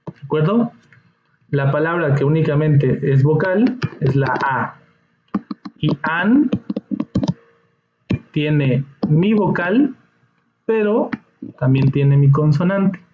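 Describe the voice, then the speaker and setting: A man's voice: a little high, slow, slight background noise. A man teaching an English lesson, patiently explaining each step and checking in with his students. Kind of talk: slow classroom explanation. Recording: dull echoey room recording.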